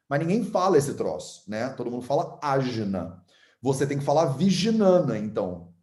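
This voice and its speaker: A man's voice: mid-range voice, warm tone, reverberant. A man with a Carioca accent giving a casual online lesson, chatty and patient, repeating sounds aloud as he explains. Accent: Carioca Brazilian Portuguese. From Rio de Janeiro, Brazil. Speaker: Ayurveda and Sanskrit teacher.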